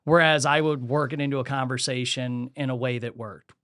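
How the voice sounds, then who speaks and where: A podcast host with a medium-pitched voice talks a little fast, recorded in studio quality with no echo. In casual conversation he tells stories animatedly, acting out the voices of the people he quotes.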